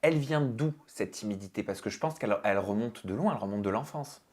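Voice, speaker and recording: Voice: medium pitch, expressive, quick pace, darkish tone. An interviewer hosting a friendly, probing conversation with a young guest. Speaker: interviewer host.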